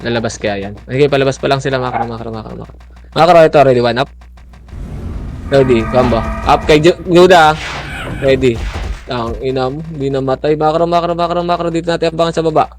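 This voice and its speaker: A man calling shots in live game voice chat, rattling off quick repeated commands and swearing. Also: mid-range voice, faint music behind. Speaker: guild shotcaller.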